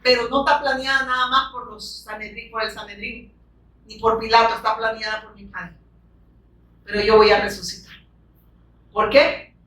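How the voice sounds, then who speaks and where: A woman's voice: on the high side, flat delivery, normal speed, long pauses, a bit bright. A woman preaching a sermon with fervor, asking the congregation rhetorical questions and calling out amens. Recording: echoey room, distant from the mic.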